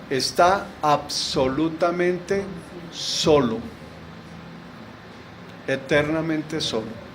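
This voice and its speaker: A man's voice: a little high, a little hiss or hum, rough recording. A middle-aged man preaching a sermon in a church, asking rhetorical questions and answering them with emphasis.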